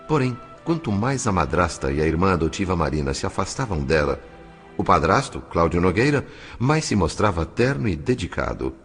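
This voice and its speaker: A man with a very low voice and a Brazilian accent narrates a dramatic story from a script. Music plays in the background.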